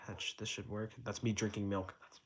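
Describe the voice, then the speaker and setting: A young man's lowish voice, with little pitch movement and a slightly fast pace, carries this casual tutorial on playing a rhythm game chart. He counts out note timings and drops the odd swear as he begins his sentences again. Rhythm game music and background noise can be heard.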